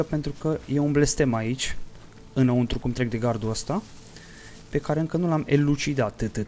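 A hot-tempered gaming streamer, cursing freely and narrating his game to viewers. His voice sits at an ordinary middle pitch for a man, with a faint hiss behind him. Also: a little mellow. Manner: profane, hot-tempered outbursts between mumbled play-by-play; jokey mock-dramatic storytelling to viewers. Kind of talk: let's play commentary.

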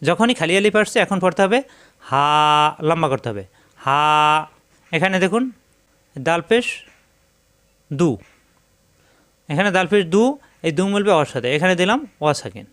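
A man's voice: high-pitched, very animated, quick pace, a bit bright. A man teaching a Quran recitation lesson, patiently repeating rules and drawing out letter sounds for students to memorize. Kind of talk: step-by-step tajweed lesson.

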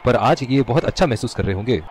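A man voicing a dramatic, excitable video-game cricket commentator in Hindi cricket commentary style, exclaiming over shots and wickets. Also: mid-range voice, fast, lightly acted. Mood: measured. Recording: noisy stadium crowd roar behind. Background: loud cricket crowd.

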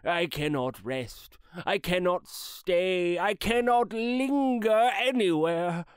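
An actor playing the solemn ghost of a dead old businessman who speaks in slow, grave, mournful pronouncements. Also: sits high, animated, clear, resonant tone, dry recording, studio quality. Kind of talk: dramatized classic story reading.

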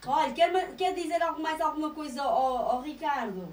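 A middle-aged woman with a European Portuguese accent hosting a local radio interview, lively and affirming while taking calls. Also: high voice, brisk, echoey room, distant mic, slight background noise, low-quality recording. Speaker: radio presenter. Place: small radio studio. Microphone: studio mic with headphones.

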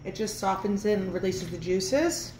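A medium-pitched, darkish voice moving at a moderate pace belongs to a chef in her thirties, chatting upbeat instructions full of fillers in her home kitchen. Filmed by a front camera at mid-distance, the audio carries roomy echo, music and a little hiss or hum.

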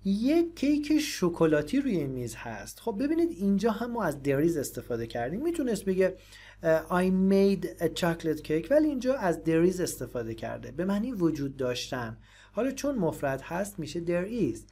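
A woman with Persian as her first language, teaching English and patiently explaining phrases, repeating them slowly. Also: fairly low pitch, sing-song, dark tone.

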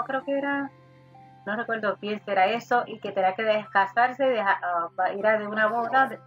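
A woman's voice: medium pitch, fairly bright tone. Chatty woman narrating her game. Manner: chatty, talks to her sim as "hija", mild swearing. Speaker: gaming youtuber. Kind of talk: casual let's play commentary. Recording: slightly dull audio with faint game music.

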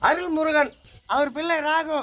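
A man's voice: very high voice, level tone, normal speed, a crowd in the background. A man co-hosting a vlog, formally announcing a birthday dedication and thanks outdoors. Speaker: vlog co-host.

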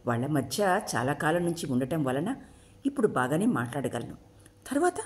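A woman storyteller reading a short story aloud in an expressive way. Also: sits low, a little fast.

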